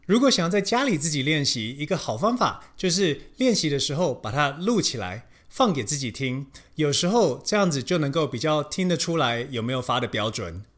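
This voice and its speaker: An English pronunciation teacher giving a language lesson, explaining in Mandarin and modeling English words slowly and repeatedly. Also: mid-range voice, very animated. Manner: switches between Mandarin explanation and English examples.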